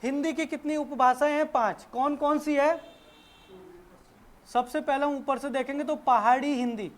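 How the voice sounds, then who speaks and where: A woman with a high voice leads an exam-prep lesson, talking casually to her students. She poses a question, pauses, then answers it herself, walking through each point step by step. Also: fairly even intonation. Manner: asks rhetorical questions and answers them step by step; casual, addresses students as brother. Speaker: Hindi teacher.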